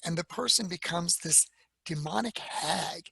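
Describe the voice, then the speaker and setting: A man giving a storytelling talk at a library, retelling events in an animated way and slipping into the voices of the people in his story. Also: sits high, unhurried, creaky, breathy edge, no room sound.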